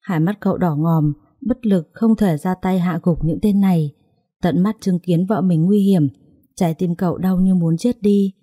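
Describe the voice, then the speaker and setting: A woman telling a dramatic story in a steady, low voice. Her tone is dark and mellow, close to the mic and dry, with no room around it. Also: normal speed, breathy edge, dry recording.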